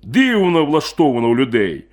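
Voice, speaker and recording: A man voicing a bitter, hard-drinking miner of thirty who talks gruffly and heatedly. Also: medium pitch, sing-song, normal speed, darkish tone, pitched above the performer's own voice, natural voice. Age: 30s.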